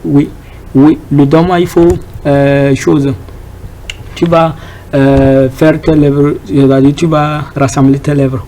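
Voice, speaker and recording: A man's voice: fairly high pitch, little pitch movement, takes it slowly, warm tone, a little hiss or hum, poor audio. A man giving an informal Arabic reading lesson, hesitant, with many fillers, repeated words and rhetorical questions to the class. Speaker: Arabic teacher.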